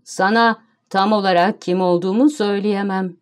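A woman's voice: mid-range voice, fairly even intonation, moderate pace, natural voice. Woman doing a frail old man, cracked worn voice, whining, complaining, audiobook character.

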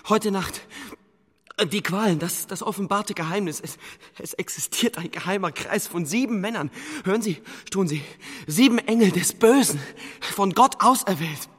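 An actor playing a troubled young king in a radio drama, halting and pleading as he stammers out his fears. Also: sits high, a bit bright, breathy edge, big-room sound. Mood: anxious.

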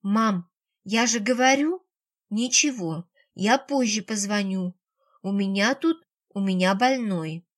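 A woman reading an audiobook, voicing a frantic male doctor who shouts curt orders. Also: medium pitch, slow pace. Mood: strained calm. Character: frantic male doctor, tense and short-tempered.

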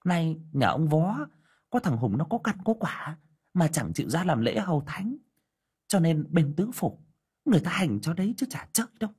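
A chatty, superstitious village gossip, voiced by a woman, waving off doubters in a dark, husky voice. She talks low with lively swings of pitch, like a neighbor in an audiobook tale. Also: moderate pace, heavily acted. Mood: knowing gossip.

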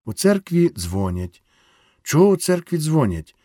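A man narrates a novel in a measured, dramatic audiobook reading. His voice sits a little high for a man. The sound is close and dry, with no room echo. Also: very animated, mellow.

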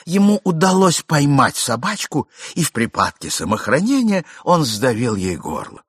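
A man narrates a story with lively, dramatic phrasing. His voice is husky and sharp, with wide pitch swings, recorded dry and close. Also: normal speed, no echo. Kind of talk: expressive story reading.

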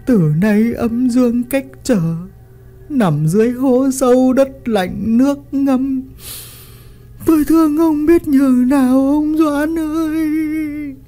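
Widow keening high and shrill over the coffin, like in an audio story. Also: male voice, warm tone. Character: grief-stricken widow wailing over her husband's coffin.

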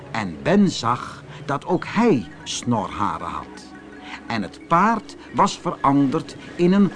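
A man from the Netherlands reading a fairy tale aloud in an expressive, measured storytelling manner. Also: medium pitch.

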